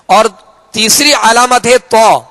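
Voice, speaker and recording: High-voiced man teaching a patient lesson. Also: bright, forceful tone, dry recording. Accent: Pakistani Urdu. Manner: patient, repeats key rules, drawn-out Arabic examples. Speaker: Quran recitation teacher. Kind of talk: slow explanatory lesson.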